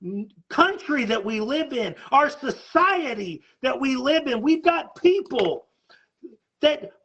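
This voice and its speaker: Man, pastor preaching, very high voice, urgent and emphatic, repeats words, muffled lo-fi recording. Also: big pitch swings, slow, a bit bright. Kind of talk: sermon.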